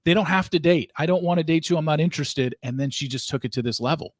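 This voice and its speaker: A man's voice: a little high, fast, dry recording, clean studio sound. A man hosting a podcast interview, emphatically recapping events for his guest and voicing disbelief. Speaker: podcast host.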